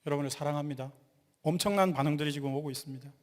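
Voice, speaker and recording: Man pastor preaching, playful, keeps asking the congregation questions, voice a bit high, big echoey church hall. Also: very fast. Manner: lively, quizzes the congregation and jokes. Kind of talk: sermon. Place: church sanctuary. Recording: long hall reverb.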